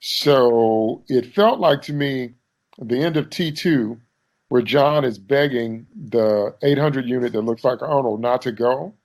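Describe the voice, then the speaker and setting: A man's voice: medium pitch, measured pace. Chatty male podcast co-host. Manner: animated, retells scenes with mock quotes. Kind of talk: casual chat.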